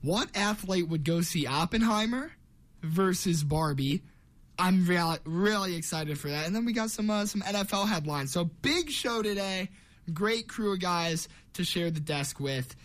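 A man's voice: sits high, a little slow, a bit bright. A young man hosting a college sports radio show in a casual, chatty way. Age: young adult.

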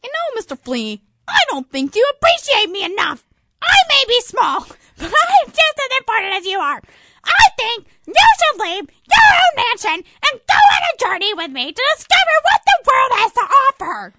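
Woman putting on a tiny house fly, very high squeaky voice, bright and piercing, pleading and pushy, dry close mic. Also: wildly swooping pitch, normal speed, dry recording, full character voice. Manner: squeaky, pleading, rising to shouts.

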